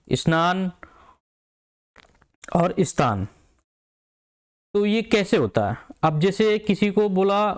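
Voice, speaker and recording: A man gives an online exam-prep lesson. He explains patiently and repeats each example word slowly. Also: sits high, darkish tone. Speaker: Hindi teacher.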